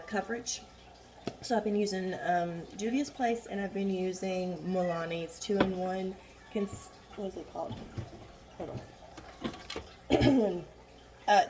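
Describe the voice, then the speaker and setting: A woman casually chatting through a makeup tutorial at home, rambling and frank, a little hoarse, recorded on a phone. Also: lowish voice, a little mellow. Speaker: beauty vlogger. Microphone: phone camera.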